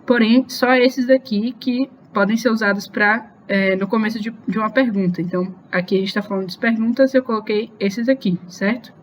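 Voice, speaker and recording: Patient woman teaching a slow, careful lesson. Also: on the high side, slight background noise, low-quality recording. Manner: slow, patient explanations with frequent checks for questions; slows down to spell out English example phrases. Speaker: English teacher. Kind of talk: online grammar lesson.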